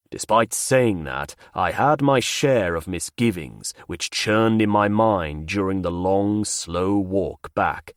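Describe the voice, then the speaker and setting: Male audiobook narrator, first-person fantasy, measured and low, dry studio sound. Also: dry recording.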